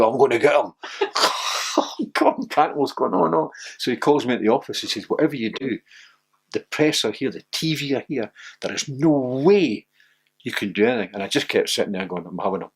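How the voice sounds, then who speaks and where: Older ex-footballer, husky, animated anecdotes, laughs a lot. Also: male voice, brisk. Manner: laughing anecdotal, gets loud and high when excited. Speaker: former footballer interviewee. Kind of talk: animated storytelling.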